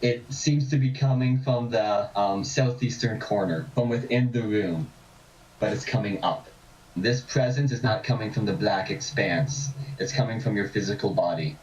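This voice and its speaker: A man's voice: on the low side, moderate pace, a little mellow, reverberant. A man running a tabletop game as game master, describing scenes and building suspense. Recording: distant mic.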